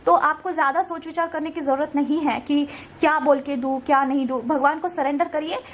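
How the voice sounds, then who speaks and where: A young woman speaks in a high, gentle voice as she gives a casual spiritual card reading, reassuring her listener again and again. She slips English words into her talk. Faint room noise sits underneath. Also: fairly even intonation, brisk. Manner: gentle, reassuring, keeps saying "theek hai"; mixes English words into Hindi. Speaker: tarot card reader.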